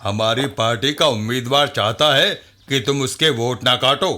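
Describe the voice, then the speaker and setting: A man's voice: normal speed, background noise, lightly acted. A man doing a sly, scheming party agent. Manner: low and scheming. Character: sly male party agent offering a bribe.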